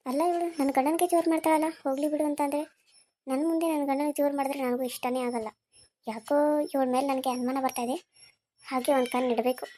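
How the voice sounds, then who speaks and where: A woman's voice: very high voice, steady tone, quick pace, a little mellow. A woman voicing a hurt, suspicious young wife who complains plaintively in a cartoon serial.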